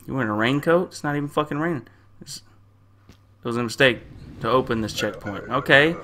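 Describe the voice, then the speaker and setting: A man's voice: medium pitch, brisk, sharp tone, slight background noise. A young man casually commenting while he plays a computer game, joking crudely and swearing a lot. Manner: puts on silly accents to read game text. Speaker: gamer. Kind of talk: profane let's-play commentary.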